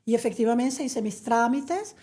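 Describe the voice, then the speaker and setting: Her voice a little high and dark in tone, a middle-aged woman from Venezuela recounts her story at a moderate pace. She is a guest in a conversational interview, chatting with plenty of fillers.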